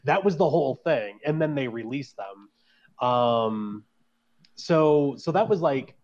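A man chats as a podcast guest, rambling and circling back on his points with plenty of fillers. His voice sits at an ordinary mid pitch, and the recording has a dull, lo-fi quality. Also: lively intonation, slow pace, darkish tone. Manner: rambling, many fillers and restarts. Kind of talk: casual podcast chat. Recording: dull lo-fi sound.

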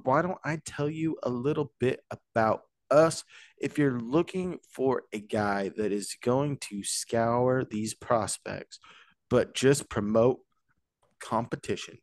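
A man hosting a casual sports podcast, talking in an animated, joking way with rambling asides. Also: medium pitch, dry recording. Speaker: podcast host.

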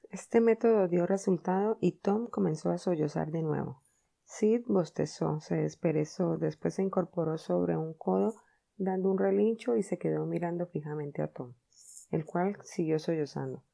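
A woman narrating a classic novel as an audiobook, measured and expressive. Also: fairly low pitch, creaky. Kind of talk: storybook reading.

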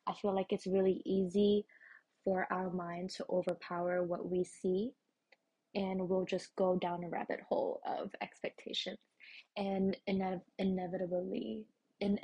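A woman hosting a casual solo podcast, sounding stoned and scattered, with a husky, slightly breathy voice. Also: mid-range voice, warm tone. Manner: stoned, giggly and scattered, losing her thread. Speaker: podcast host.

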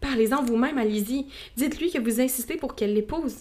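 A woman voicing a fussy, excitable middle-aged mother in a storybook reading, shrill and pleading. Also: a little fast, close to an everyday voice. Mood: insistent.

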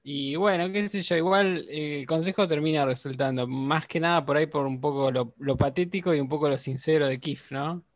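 A man's voice: a little high, steady tone, a little fast, hardly any pauses, no echo. A man with a Rioplatense Spanish accent, co-hosting a podcast in casual chat, often chiming in with agreement.

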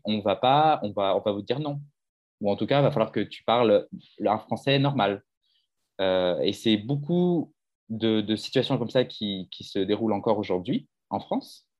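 A man's voice: medium pitch, darkish tone, muffled recording. A man teaching a French conversation class, explaining at length and putting questions to his students.

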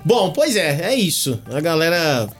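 A man's voice: a little high, sing-song, a little slow, fairly bright tone, soft background music. A man with a Paraíba accent from Northeastern Brazil, chatting casually and agreeably as a radio co-host.

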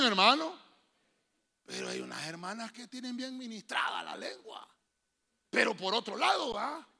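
A Honduran pastor preaching to his church in a high, bright voice with a gravelly edge. He keeps his congregation engaged with questions, and his pitch leaps around as he moves from loud calls to hushed whispers. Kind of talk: lively sermon.

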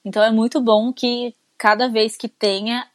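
A woman's voice: fairly high pitch, level tone, normal speed, no room sound. A Brazilian woman co-hosting a talk show, chatting in a casual conversational way with frequent tag questions, sounding sleepy. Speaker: co-host. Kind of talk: casual news commentary.

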